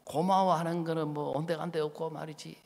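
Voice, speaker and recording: A man preaching as a pastor, telling a story with animated delivery and voicing the people in it. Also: on the high side, fairly quick, vocal fry. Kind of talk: sermon with acted-out anecdote. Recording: church hall reverb.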